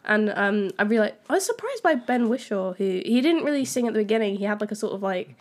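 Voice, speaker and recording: A woman's voice: medium pitch, very animated, quick pace, a little mellow. A young woman co-hosting a casual film chat, chatty and upbeat, with frequent fillers and giggles. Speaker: podcast co-host. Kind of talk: casual chat about films.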